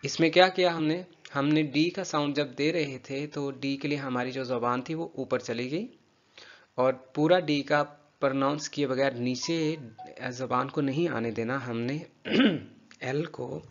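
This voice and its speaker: Guy teaching english sounds, slow and patient, says each word over and over, kinda muffled lo-fi audio. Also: mid-range voice, steady tone. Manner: patient, drills words slowly and repeats them. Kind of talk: spoken language lesson.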